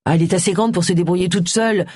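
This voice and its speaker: A man's voice: high voice, fairly even intonation, very fast, darkish tone, breathy edge, dry recording, studio quality. A reader voicing a sulky young man who grumbles reluctantly. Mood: grumbling.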